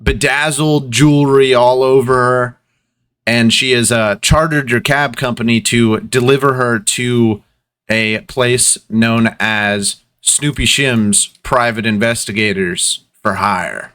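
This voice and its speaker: A man narrating a tabletop game as game master, relaxed and with many fillers. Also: medium pitch, slow pace, clean tone.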